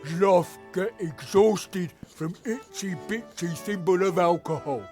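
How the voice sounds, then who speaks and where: Casting: a simple-minded troll laborer, talks in broken grammar, high-set voice, slow delivery, faint game music behind. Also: male voice, warm tone. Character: dim-witted troll worker, male, broken speech.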